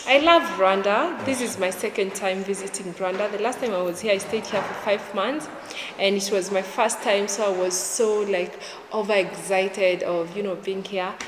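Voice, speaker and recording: A woman's voice: mid-range voice, normal speed, noisy background. A young woman from Kenya, chatting casually in an interview, with lots of fillers. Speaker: YouTuber guest. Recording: echoey room with long reverb.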